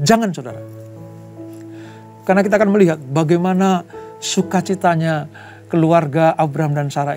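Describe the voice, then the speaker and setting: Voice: mid-range voice, darkish tone. A preacher teaching a Bible study in an emphatic sermon style, repeating key points and often calling listeners brethren.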